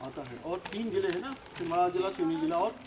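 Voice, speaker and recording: Retired forest officer quizzing kids outdoors. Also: male voice, high-pitched. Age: 60s. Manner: quizzes children, urges them to answer quickly. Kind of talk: outdoor nature lesson to schoolchildren. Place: outdoors in a forest with a group of children. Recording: noisy outdoor recording.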